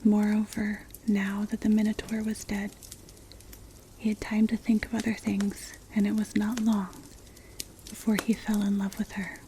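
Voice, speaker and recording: A woman narrating a story for ASMR in a breathy, unvoiced whisper, gentle and measured, close to the mic. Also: mid-range voice, monotone. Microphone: close mic, ear-to-ear ASMR. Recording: clear background noise, clicks. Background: crackling fire.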